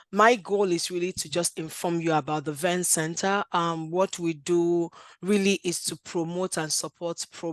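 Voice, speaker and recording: A Nigerian-accented lawyer delivers an earnest conference speech at a workshop, with frequent "um" fillers and restarts. Her or his voice is medium-pitched and the recording is dry.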